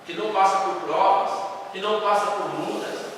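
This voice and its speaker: A man's voice: high-pitched, steady tone, normal speed, background noise. A Brazilian man from São Paulo preaching a sermon as pastor, with emphatic delivery and many rhetorical questions to the congregation. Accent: Brazilian Portuguese, São Paulo. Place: church sanctuary. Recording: echoey hall, distant mic.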